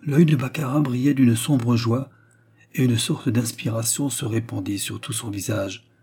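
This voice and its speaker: Dark, husky male audiobook narrator. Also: medium pitch. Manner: measured, literary storytelling.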